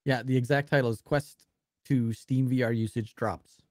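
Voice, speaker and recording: A man co-hosting a casual chat show, laid-back and quick to laugh along. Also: mid-range voice, steady tone, no echo, studio quality. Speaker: podcast co-host.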